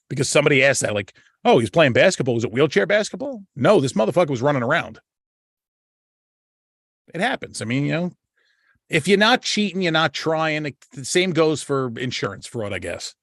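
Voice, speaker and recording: A man's voice: medium pitch, fairly bright tone, dry recording, studio quality. A middle-aged man from New York, hosting his own show, telling stories in a casual monologue with blunt, profane jokes. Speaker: show host.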